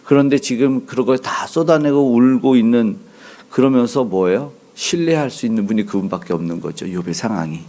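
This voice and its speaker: A man's voice: fairly quick, mellow. A man preaching an expository dawn sermon as pastor, earnest, his voice rising when he voices the cries of the afflicted. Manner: earnest, rises in pitch when voicing Job's cries.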